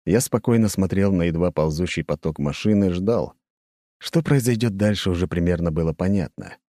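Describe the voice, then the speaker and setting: Deep, dark-voiced male audiobook narrator. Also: dry recording, studio quality. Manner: even, measured storytelling.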